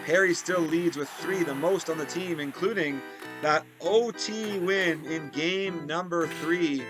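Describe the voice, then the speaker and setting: A man giving excited play-by-play commentary on a video game hockey league, his voice jumping up on big plays and drifting into chatty asides. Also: measured pace, over music. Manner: rises sharply in pitch and volume on big plays, chatty asides.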